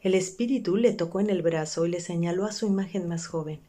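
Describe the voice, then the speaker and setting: A woman narrating a classic story as part of a group reading, steady with small slips. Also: on the low side, brisk. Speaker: volunteer reader. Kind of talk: audiobook narration.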